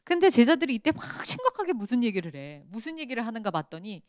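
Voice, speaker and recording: Smooth-voiced woman teaching a prayer class. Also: on the high side, fast talker, no room sound, studio quality. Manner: lively storytelling, acting out quoted voices.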